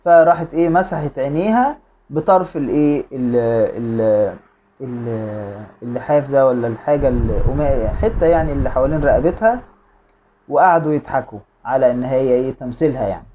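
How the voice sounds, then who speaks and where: A teacher with an Egyptian accent reads an English storybook aloud slowly and explains it quickly, with many hesitations. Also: medium pitch, dark tone, lo-fi sound, slight background noise. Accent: Egyptian Arabic. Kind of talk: reading a storybook aloud and translating.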